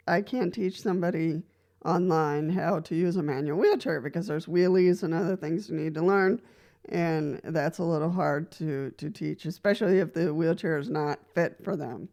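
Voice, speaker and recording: This woman's voice sits low and a little mellow, at a moderate pace. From Costa Rica and using a wheelchair, she talks casually to camera, explaining practical advice she's learned firsthand. She often restarts with "so" and laughs lightly between points.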